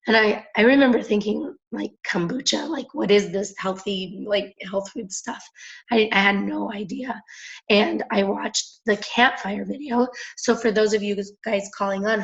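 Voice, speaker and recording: Young woman host, hoarse and raspy, chatty and filler-heavy, mid-pitch, dull lo-fi call line. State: hoarse, clearing throat. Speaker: independent promoter hosting a conference call. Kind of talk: casual phone-call presentation. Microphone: phone or conference line. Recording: dull lo-fi conference call audio.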